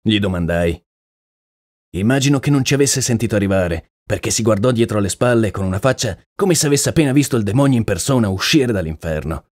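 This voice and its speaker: A man's voice: fairly low pitch, lively intonation, fairly quick, a little mellow, no echo, studio quality. A man voicing an uneasy, deferential horse trainer. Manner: storytelling, plainspoken, deferential. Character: earnest male horse trainer, uneasy and talkative. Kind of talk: audiobook character reading.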